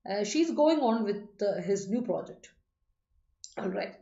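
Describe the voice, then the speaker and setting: A woman with a Malayali accent teaches an English class online, switching between English and Malayalam. She reads student sentences slowly and rushes through course announcements. The room sounds roomy and the audio is a little dull. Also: mid-range voice, expressive, vocal fry, dark tone.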